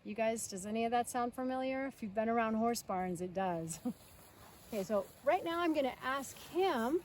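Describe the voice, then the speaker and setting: A woman's voice: on the high side, lively intonation, moderate pace, recorded from a distance, slight background noise, poor audio. A woman horse trainer teaching outdoors with her horses and talking straight to her viewers in a chatty way. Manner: chatty, addresses viewers directly.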